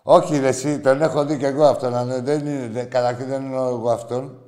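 A man hosting a call-in show, talking bluntly with plenty of swearing, jumping between loud outbursts and low muttering. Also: steady tone. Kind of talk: casual call-in banter.

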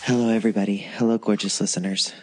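A man's voice: lowish voice, level tone, fast talker, darkish tone, faint music behind, poor audio. A man co-hosting a podcast in casual chat, with a campy, effusive and playful manner. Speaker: podcast co-host.

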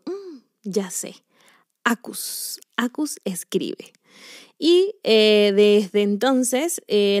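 A woman from Latin America hosting a podcast, telling personal anecdotes in a lively, playful way and acting out the lines she quotes. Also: medium pitch, no room sound, studio quality. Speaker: podcast host. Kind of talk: personal storytelling monologue. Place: Spain, living there now.

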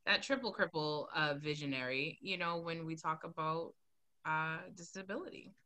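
Bright-voiced woman podcast host. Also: sits low, normal speed. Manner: candid, emotional, laughs often. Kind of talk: casual podcast conversation.

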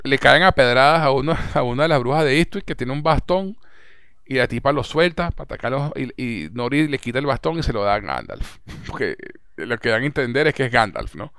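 A young man with a Venezuelan Spanish accent, chatting casually as a podcast host and recapping a series in an animated way. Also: medium pitch, brisk, clear, resonant tone, dry recording, clean studio sound. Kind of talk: casual chat.

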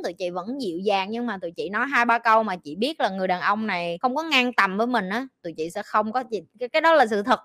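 Middle-aged woman, life coach hosting a Q&A podcast; blunt, slangy scolder, fairly high voice. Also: a bit bright. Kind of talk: podcast Q&A advice.

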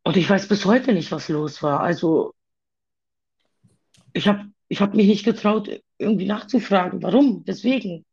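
A woman talking haltingly about her own past in a personal conversation, with many pauses and fillers. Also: mid-range voice, darkish tone, slightly rough, muffled recording.

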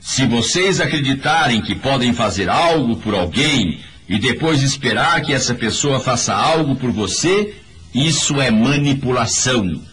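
A man's voice: medium pitch, expressive, measured pace, fairly bright tone, slight background noise. A man giving an emphatic motivational speech in a voice-over, talking straight to his audience. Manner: emphatic, preachy, addresses the audience directly. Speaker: motivational speaker.

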